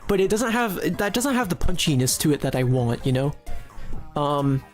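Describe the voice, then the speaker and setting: Over faint music, this medium-pitched streamer talks at a normal speed and sounds very animated as he narrates his game-making live. The commentary is casual, rambling and full of giggles, with restarted sentences and mock-serious jokes aimed at chat.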